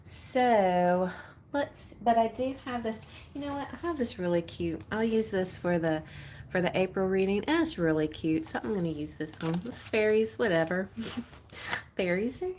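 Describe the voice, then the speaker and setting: A woman with a medium-pitched, slightly mellow voice speaks at a moderate pace, with slight background noise. She hosts a tarot reading livestream in a put-on Texas accent, chatting casually, playful and rambling as she thinks aloud.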